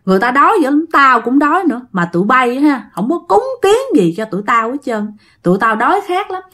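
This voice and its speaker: A woman doing a starving ghost posing as an old woman, pleading and insistent. The voice runs high and rises and falls widely as she begs over and over. It is told as a spoken ghost story. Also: sing-song, brisk, a bit bright, exaggerated voice. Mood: begging. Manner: pleading, insistent, rough familiar address.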